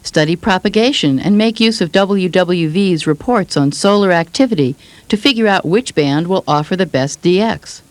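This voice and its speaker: A woman reading scripted instructional narration with an even, informative delivery. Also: on the low side, normal speed, no echo.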